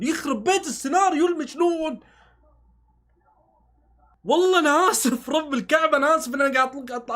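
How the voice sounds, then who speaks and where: A man reacts live to a football match in a very high voice. He swears oaths, begs the players to score and argues with the referee as he goes. It is an excitable, emotional fan reaction.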